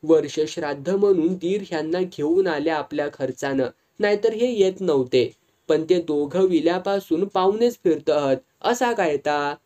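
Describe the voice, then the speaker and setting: A sorrowful young wife from a storybook reading speaks in a weary, subdued way, as a reader puts her on. Her voice is soft and mellow. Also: mid-range voice, normal speed, close to an everyday voice. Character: sad young wife, worn down and quiet.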